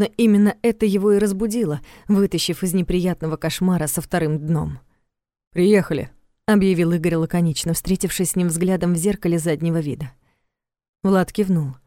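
Woman, audiobook narration, calm measured reading, dark warm tone, dry close recording. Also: fairly low pitch, no echo.

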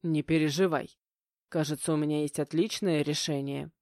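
A man's voice: on the high side, steady tone, normal speed, no echo, studio quality, natural voice. A woman voicing a stern middle-aged stepfather who lectures curtly. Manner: curt, lecturing.

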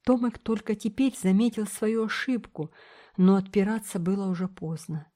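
Woman, audiobook narrator, children's adventure story, expressive, steady, mellow dark tone. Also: medium pitch, moderate pace.

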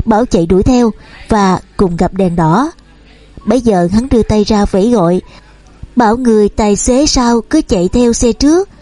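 Mellow woman narrating a story. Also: on the high side, no room sound. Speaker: audiobook narrator.

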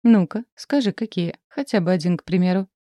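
A woman's voice: on the low side, expressive, fairly quick, mellow, no room sound, studio quality, lightly acted. A woman reading the lines of a mocking, teasing male demon prince in a storybook.

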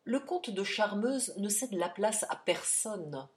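A woman's voice: medium pitch, expressive, slow. A woman reading aloud, voicing an arrogant, insolent male count with a biting, haughty manner. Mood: insolent taunting.

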